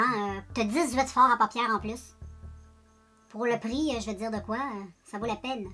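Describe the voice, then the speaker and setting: Speaking directly to her audience, this woman with a Quebec French accent rambles chattily through a makeup tutorial and pokes fun at herself. She's a beauty vlogger, and her voice sits on the high side with a sharp tone.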